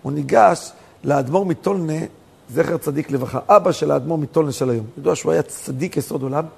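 A man, a rabbi, telling stories in a sermon, swinging from soft talk to emphatic outbursts. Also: a little high, gravelly, slightly rough. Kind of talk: storytelling sermon.

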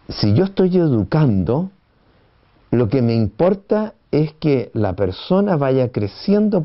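A man giving an unhurried classroom lecture on education, often pausing with "eh" and tag questions. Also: a little high. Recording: dull lo-fi recording.

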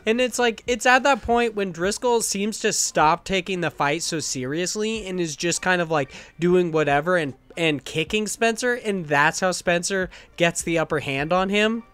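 A man's voice: high-pitched, normal speed, hardly any pauses, fairly bright tone, smooth. A man co-hosting a podcast, recapping a movie in a sarcastic, profane, rambling way. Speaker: podcast co-host reviewing a movie. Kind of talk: casual chat.

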